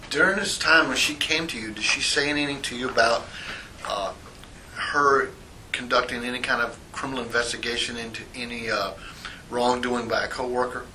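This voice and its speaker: A man working as an internal affairs sergeant, questioning a witness on a recorded interview tape in a measured, procedural manner. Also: medium pitch, fairly even intonation, bright, forceful tone, low-quality recording. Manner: measured, procedural, reads out formal statements. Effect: old recorded interrogation tape. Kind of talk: formal sworn-statement questioning. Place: interview room. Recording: faint hiss on an interview tape.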